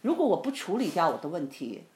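A woman pastor telling a personal faith story in a casual interview, animated and laughing often as she acts out what people said. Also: lowish voice, fast talker. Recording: roomy echo with faint noise.

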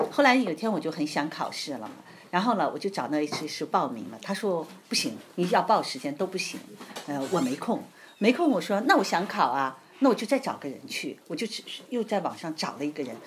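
A woman giving an informal church talk on marriage, telling stories with lively emphasis and frequent laughter. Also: lowish voice, fast talker, a little hiss or hum. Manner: animated storytelling, laughs often. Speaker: church speaker.

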